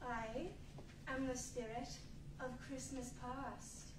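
A woman playing a young, earnest spirit of the past in a radio play, measured and solemn. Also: sits high, little pitch movement, slight background noise. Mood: gently urging. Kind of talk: 1940s musical radio play acting. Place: large indoor meeting room, live stage reading. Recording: echoey room, distant mic.

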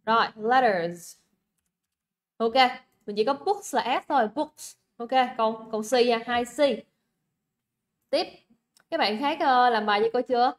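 A woman's voice: on the high side, normal speed. Chatty Vietnamese woman teaching English live. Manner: chatty, coaxing, repeats words for emphasis and checks on students. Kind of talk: livestream exam review lesson.

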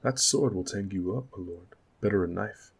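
A man's voice: low-pitched, fairly quick, vocal fry, husky, exaggerated voice. A man voicing a cautious, uneasy young ranger who speaks with tense urgency.

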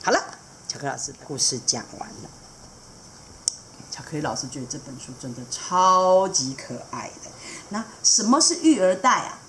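A woman teacher reading a picture book aloud to children, animated and asking them questions along the way. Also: lowish voice, moderate pace, a little hiss or hum. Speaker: children's art teacher, storyteller.

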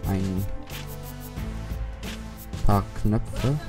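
Eine sehr tief sprechende Frau kommentiert entspannt ein Let's Play, mit Füllwörtern und plötzlichen Zurufen. Das Mikrofon ist übersteuert und verzerrt hörbar, darunter liegt klare Musik. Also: female voice, a bass voice, steady tone, extremely slow. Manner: mumbles to herself, fillers, sudden calls while playing. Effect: clipping, distorted overdriven mic. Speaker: Minecraft let's player. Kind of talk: casual gameplay commentary. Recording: clipping mic with game music behind.

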